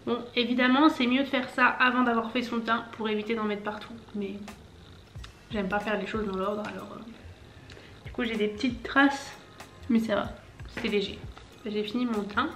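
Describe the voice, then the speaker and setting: A young woman in her twenties talks through a makeup tutorial in a casual, chatty way, narrating each step as she works. Her voice sits a little high. The room is echoey, with soft music playing underneath. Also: steady tone, normal speed, long pauses. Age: 20s. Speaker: makeup vlogger.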